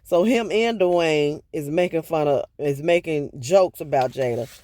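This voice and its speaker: A man's voice: a little high, a little slow, a little mellow, no room sound, studio quality. A man casually retelling a book chapter for his viewers, in a loose, chatty way with asides to the audience. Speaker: book review vlogger.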